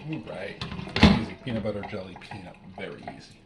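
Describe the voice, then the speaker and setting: In his kitchen at home, a man vlogs his daily routine, describing every step in a plain, matter-of-fact way as he goes. His voice is on the low side, expressive and brisk, and heavy background noise fills the recording.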